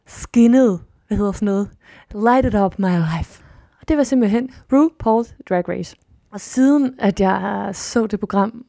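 A woman hosting a solo podcast, talking in a casual, expressive and chatty way, restarting often and swooping up now and then. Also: on the high side, creaky, dry recording, clean studio sound. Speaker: podcast host.

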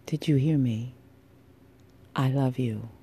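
A woman with a very dark, mellow, sultry voice delivers an intimate solo podcast. Her tone is husky and her pace is slow and deliberate, with emphatic pauses. She addresses listeners with affection and encouragement. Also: very deep voice. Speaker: podcast host.

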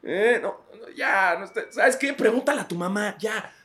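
A man's voice: sits high, normal speed, fairly bright tone, pitched above the performer's own voice. A man with a Mexican accent voicing a language academy as a tired man who brushes off every question in a whiny, exasperated voice. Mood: fed-up dismissive.

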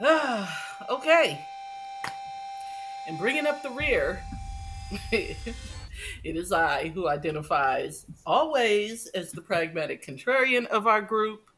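An American woman hosting a podcast in casual chat, wry, unhurried and playfully teasing. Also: mid-range voice, expressive, a bit bright, slight background noise, low-quality recording. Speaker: podcast host.

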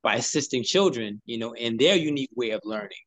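A man hosting an interview in a relaxed, conversational way, affirming his guest and often saying "you know". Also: medium pitch, fast, no echo. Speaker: interview host. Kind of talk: casual interview talk.

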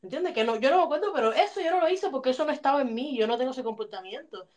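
A woman telling funny stories in a casual chat, animated and dropping English phrases in. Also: high-pitched, racing. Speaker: podcast co-host.

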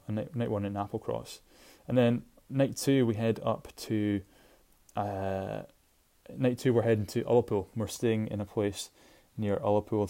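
Low, mellow man with a Shetland accent. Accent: Shetland Scottish. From Shetland, Scotland. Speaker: podcast host. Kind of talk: casual solo podcast talk.

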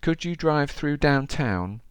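A man's voice: fairly high pitch, lively intonation, slow, clean tone, no echo, voice pushed up. A man with an East Midlands accent voicing a frail, polite elderly woman in a story read aloud. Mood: gentle request. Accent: East Midlands English, Derby.

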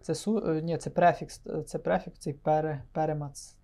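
A man's voice: fairly high pitch, steady tone, moderate pace, dark tone. A man co-hosting a podcast, playful and rambling, often stumbling and restarting his words. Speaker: podcast co-host. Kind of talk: casual joking chat.

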